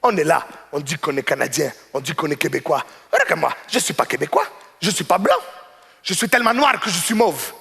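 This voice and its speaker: A man voicing a pushy, proud, easily offended male customer who lectures loudly in a stand-up comedy bit on a large theater stage. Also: fairly high pitch, a little fast, vocal fry, heavily acted. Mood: indignant. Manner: indignant, lecturing, rising to excited outbursts. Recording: stage mic with hall reverb, faint noise.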